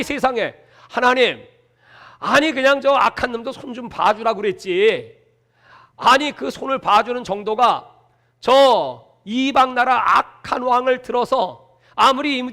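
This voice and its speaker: A man's voice: extremely high pitch, sharp tone, heavily acted. A man voicing the prophet Habakkuk as an indignant man who pleads and complains to God. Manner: exasperated, pleading.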